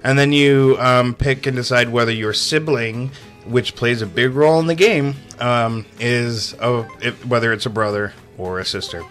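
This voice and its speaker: A man's voice: mid-range voice, fairly even intonation, normal speed, fairly bright tone, faint music behind. A man giving a casual, sarcastic video game review voice-over, chatty and amused, often breaking into laughter. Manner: sarcastic, chatty with many fillers.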